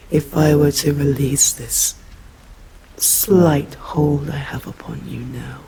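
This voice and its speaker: In an ASMR roleplay, a woman with an English accent portrays a stern but courteous female vampire. Her deep, breathy voice is formal and slow, frequently sinking to a whisper, with a measured, hypnotic, menacing feel, and some background noise is present.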